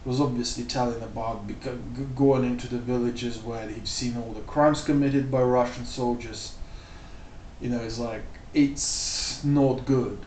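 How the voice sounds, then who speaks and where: A man giving casual spoken commentary, loose and rambling, padding his points with "like" and "you know". His voice sits at an ordinary middle pitch. The room rings around him and the mic sits some way off. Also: fairly even intonation, measured pace, darkish tone, a little hiss or hum. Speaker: vlogger. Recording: roomy sound, mic off at a distance.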